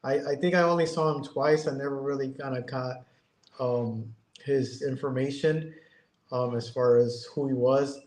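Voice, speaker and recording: A man in his fifties from Connecticut, a guest talking in a casual, halting way, with many ums and restarts. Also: medium pitch, steady tone, darkish tone, reverberant, poor audio. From Connecticut, USA. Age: 50s. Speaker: guest, airbrush artist. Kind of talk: casual interview chat.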